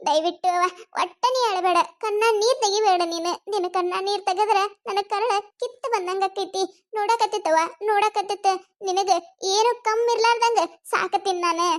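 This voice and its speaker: A fierce yet doting old village mother-in-law from a cartoon comedy, as a woman puts her on, speaking in a broad North Karnataka accent. She is rustic and blunt. The voice stays very high and thin even when pushed lower. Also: a little fast. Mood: consoling. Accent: North Karnataka Kannada. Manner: scolds her son, coaxes and consoles her daughter-in-law.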